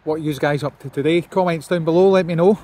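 A man's voice: fairly high pitch, fairly even intonation, fast talker, warm tone. Chatty Scottish man in a park. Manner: chatty, addresses viewers directly. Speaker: vlogger. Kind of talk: casual walking vlog. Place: outdoors in a city park.

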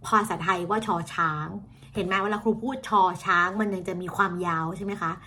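A woman's voice: medium pitch, fairly even intonation, fairly quick, bright, forceful tone, slight background noise. A woman English teacher giving a casual pronunciation lesson, chatting and repeating example words to demonstrate sounds. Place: indoors, seated on a chair.

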